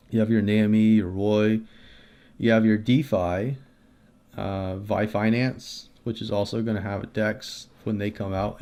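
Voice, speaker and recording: A man's voice: on the low side, warm tone, smooth. A man giving a casual explainer while walking through a screen, with frequent fillers and restarts. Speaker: crypto video creator.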